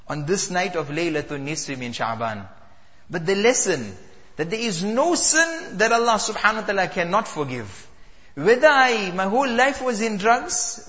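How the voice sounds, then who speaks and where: High male preacher, emphatic sermon storytelling, roomy hall, muffled recording. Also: fairly bright tone. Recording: echoey hall, dull sound.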